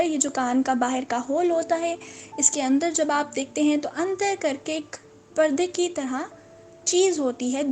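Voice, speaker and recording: Female teacher, high voice, unhurried word-by-word drilling, light music bed. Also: a little mellow. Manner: drills each word slowly, correcting mispronunciations. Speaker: English vocabulary teacher. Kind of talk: slow, repetitive vocabulary lesson.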